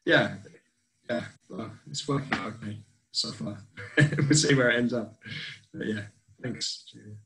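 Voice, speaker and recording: A man's voice: medium pitch, unhurried, fairly bright tone, a little hiss or hum, poor audio. Hesitant young man. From London. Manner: hesitant, with many ums and self-corrections. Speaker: group member. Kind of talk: casual self-introduction in an online group meeting. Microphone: video call.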